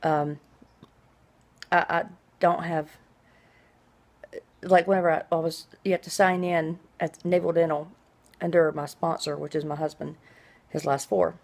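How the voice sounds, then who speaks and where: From a small home room, a middle-aged female vlogger speaks a little slowly in a level, low, creaky voice with a slightly mellow quality. She rambles casually as if updating a video diary, her s sounds long and hissy.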